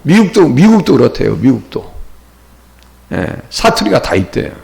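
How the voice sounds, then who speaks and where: Lively Korean pastor with Chungcheong accent. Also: male voice, mid-range voice, moderate pace, vocal fry. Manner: conversational preaching with rhetorical questions. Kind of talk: sermon.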